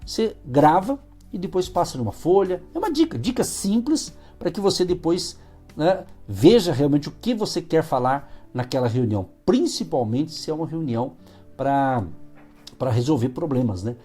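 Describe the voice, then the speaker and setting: A man's voice: on the high side, very animated, moderate pace, dark tone, soft background music. A man with a Brazilian Portuguese accent hosting a radio devotional, explaining Bible verses in a conversational way with frequent tag questions. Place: radio studio.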